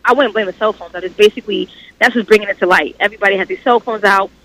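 Lady on a radio call-in, bright forceful voice, chatty, really stresses her points. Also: mid-range voice, racing, poor audio. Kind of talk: casual, personal opinion.

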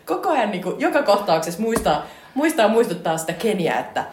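Woman podcast co-host with a Finnish accent, lively swooping delivery, echoey room. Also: medium pitch. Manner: animated, laughing, acts out film lines loudly. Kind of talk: casual chat about a film. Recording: echoey room with faint ambient noise.

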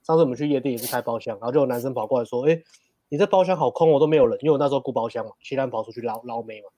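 A man's voice: mid-range voice, fairly even intonation, rapid-fire, mellow, no echo. A man telling a nightclub story, amused and chuckling. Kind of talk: casual storytelling.

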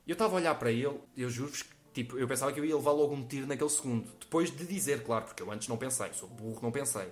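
A man's voice: medium pitch, rapid-fire, hardly any pauses. A 21-year-old man with a Lisbon-area European Portuguese accent, telling a comic anecdote in slangy, profanity-heavy speech. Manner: slangy, swears a lot, acts out quotes. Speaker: comedian telling a story.

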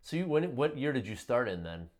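A man's voice: medium pitch, sing-song, a little fast. A man with a Wisconsin accent hosting a casual podcast interview, chatting informally and swearing freely. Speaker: podcast host. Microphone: online video call.

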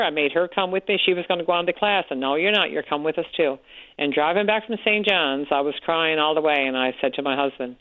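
Over a tinny telephone line with no echo, a deep, loud-voiced woman with a Newfoundland accent calls in to a radio show. A support group organizer, she is frank and talkative, telling stories at length.

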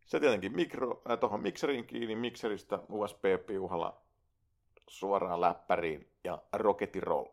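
A man's voice: lowish voice, vocal fry. A man hosting his own podcast alone, rambling casually, swearing freely and talking straight to his listeners through a USB microphone. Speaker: podcast host. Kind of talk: casual solo podcast monologue. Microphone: USB microphone into a laptop.

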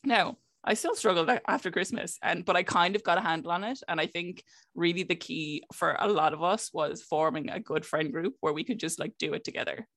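A young woman speaks in a west of Ireland accent at a middling pitch. She tells personal stories in a casual, conversational way, often acting out little exchanges. The sound is close and dry. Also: brisk, fairly bright tone, no room sound. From County Clare, west of Ireland. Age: young adult. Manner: conversational, frequent filler "like", quoting herself and others. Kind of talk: casual chat, telling personal anecdotes.

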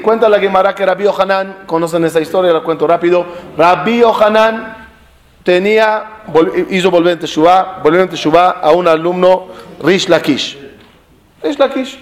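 Man teaching a lively Talmud class. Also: sits high. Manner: animated storytelling with rhetorical questions; mixes Hebrew study terms into his speech. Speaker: Torah teacher. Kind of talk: Talmud class to a live group.

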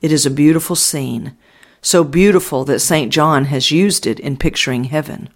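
A man reading as a gentle old shepherd, mellow and earnest. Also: fairly high pitch, moderate pace. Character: gentle older male shepherd guest, devout. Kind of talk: audiobook narration.

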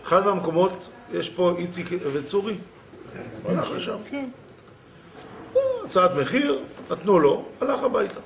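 A man's voice: high-pitched, pauses often, a little hiss or hum. A man, a rabbi, telling a story in a sermon and acting out the characters' lines. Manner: animated storyteller who acts out the characters.

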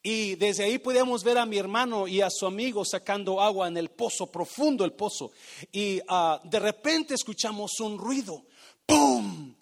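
A middle-aged man delivers a sermon from the pulpit. His voice sits high for a man. He tells a personal story with dramatic flair and swells loud on key words. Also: moderate pace. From Mexico. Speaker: pastor.

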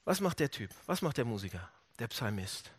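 A man preaching a sermon, animated and acting out quoted voices with big swings in pitch and loudness. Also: a little fast, slightly rough.

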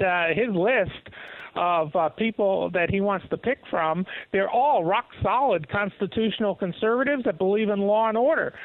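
A man's voice: high-pitched, no room sound. A man calling in over the phone as a guest author on a political talk show, speaking with assurance and frequent "uh" fillers. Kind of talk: political talk radio interview. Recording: tinny phone line.

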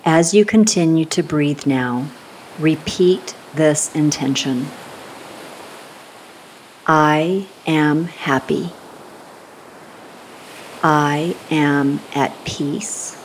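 Leading a guided meditation, a low-voiced woman takes her time, offering gentle instructions in a slow, soothing voice broken by long pauses. A faint rumbling hiss runs underneath, and the recording quality is low.

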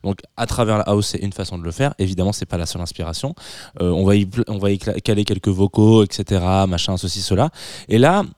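A man's voice: fairly low pitch, quick pace, darkish tone, no room sound, studio quality. A man hosting a music show on the radio, presenting tracks in a chatty, enthusiastic way with a light self-mocking humor. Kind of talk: casual on-air music presentation.

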